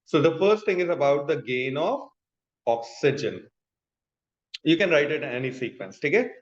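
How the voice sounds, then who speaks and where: A man's voice: fairly high pitch, lively intonation, normal speed. A man with a Pakistani accent teaching a class in an instructive way, repeating key terms and often checking that students follow. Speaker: chemistry teacher. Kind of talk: classroom lecture mixing explanation and questions to students. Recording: dull, echoey room sound.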